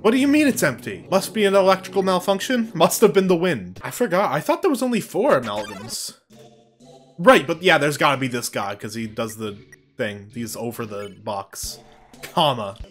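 A man streaming a game, joking, swearing and reacting loudly with laughs and yelps. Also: on the high side, sing-song, normal speed. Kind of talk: casual gameplay commentary. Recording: game music behind the voice.

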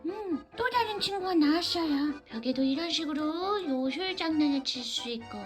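Very high childlike woman, kids' show host. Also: animated, moderate pace. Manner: exaggerated sing-song address to children. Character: cute childlike cartoon-cat host persona for kids. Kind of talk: kids' toy show presentation, bright exclamations. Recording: music behind the voice. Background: music.

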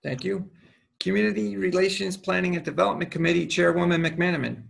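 A man, the council president, chairing a virtual meeting in a brisk, procedural way. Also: high-pitched, steady tone, creaky.

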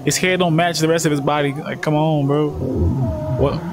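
A man's voice: on the high side, fairly even intonation, normal speed, vocal fry, background noise. A young man playing games with friends, casual and playful, with slangy, swearing reactions. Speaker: gamer, video host. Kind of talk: casual gameplay banter with friends.

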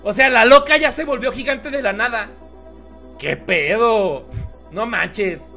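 A Mexican man with a high, bright voice reads viewer comments in unhurried, playful chatter. He laughs easily and drops slang, with faint music running underneath. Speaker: streamer reading viewer comments. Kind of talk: casual reaction commentary.

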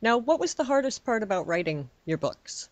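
A woman's voice: fairly high pitch, sing-song, moderate pace, no echo, dull audio. A woman hosting a radio interview show, encouraging her guest with frequent listening sounds. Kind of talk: casual interview chat.

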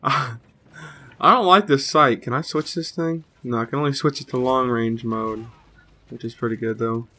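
A slightly hoarse young man giving excitable, trash-talking live commentary over his own gameplay as a gaming channel host. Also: mid-range voice, normal speed. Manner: excitable trash talk, cursing. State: slightly hoarse, a little sick.

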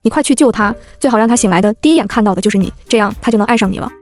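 A woman voicing a frantic, shrill male magic system in a web-novel story. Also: very fast, a little mellow, faint music behind, lightly acted. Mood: urging. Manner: shrill, panicky.

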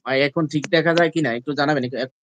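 Streaming live from home on his phone, a man with a fastish, fairly bright, higher voice chats casually with viewers. He repeatedly urges them to comment and like, addressing them as "brother" and "friends." There's slight background noise in the indoor setting.

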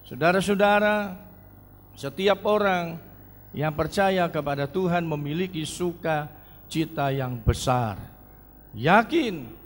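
Pastor guy preaching slow, highish voice, asks the crowd stuff, big echoey church. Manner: storytelling with call-and-response to the congregation. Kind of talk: sermon. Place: church hall. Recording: long church hall reverb.

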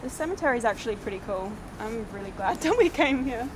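Fast and expressive, with a fairly high pitch, a young paranormal vlogger chats casually while walking a cemetery after dark and reading off headstone names. Background noise fills this outdoor night recording.

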